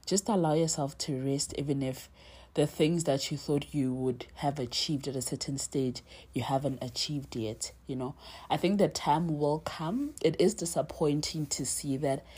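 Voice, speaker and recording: Low husky woman. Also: warm tone. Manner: chatty, heartfelt, many fillers and "you know"s. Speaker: podcast host. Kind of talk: casual encouraging monologue.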